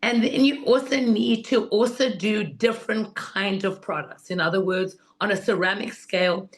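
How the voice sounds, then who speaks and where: A woman with laryngitis, her voice hoarse and rusty as if unused, gives an informal, enthusiastic and instructive workshop. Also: medium pitch, steady tone, moderate pace. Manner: enthusiastic, instructive, repeats 'in other words'. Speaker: guest teacher of market selling.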